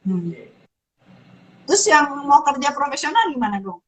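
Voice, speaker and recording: A woman's voice: high voice, very animated, moderate pace, a little hiss or hum, rough recording. A woman interviewing a guest, asking polite questions and encouraging him with frequent small acknowledgements.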